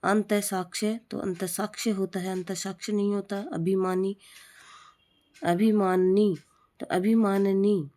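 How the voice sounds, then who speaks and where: A woman tutor runs a spelling drill at an unhurried, deliberate pace. She names each word, states the wrong form, then repeats the correct one in a plain, mid-pitched voice. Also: little pitch movement, mellow. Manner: slow, repetitive drilling of correct forms. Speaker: Hindi teacher. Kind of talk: spelling lesson for exam prep.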